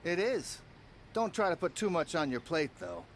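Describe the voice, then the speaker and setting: A friendly, older veteran cameraman in game dialogue. He explains patiently, with a lively voice that rises and falls a lot and sits a little high for a man. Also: normal speed, a little hiss or hum. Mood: advising. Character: friendly veteran male cameraman, helpful mentor.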